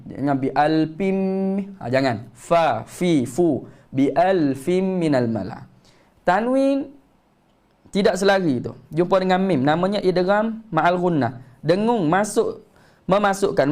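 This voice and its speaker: A man with a Malaysian Malay accent teaching tajwid in a live-streamed lesson, patiently correcting and slowly demonstrating recitation. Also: a little high, darkish tone.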